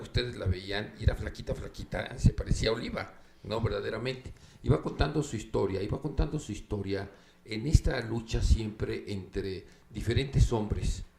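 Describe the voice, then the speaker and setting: Man, storyteller, gravelly voice, roomy echo, faint hiss. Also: on the low side. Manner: expressive storyteller, acts out voices. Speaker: host telling a story. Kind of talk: storytelling in a casual conversation. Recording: echoey room with faint noise.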